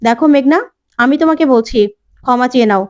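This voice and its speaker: A woman's voice: high voice, quick pace, darkish tone, smooth, lightly acted. Give me a woman voicing a firm, rebuking middle-aged father.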